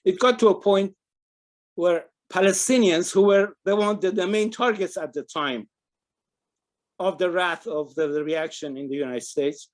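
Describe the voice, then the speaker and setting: An older man from Iran speaks with a slightly raised pitch. He talks earnestly as a panel speaker in a webinar, telling a memory with fillers and frequent restarts. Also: moderate pace. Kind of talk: webinar talk recounting a memory.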